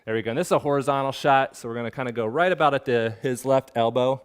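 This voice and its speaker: Male photographer, brisk easygoing instructor coaching a model through poses in the studio. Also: medium pitch, clear, resonant tone. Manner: casual, directs the model, many fillers. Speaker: portrait photographer teaching. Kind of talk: hands-on studio demonstration.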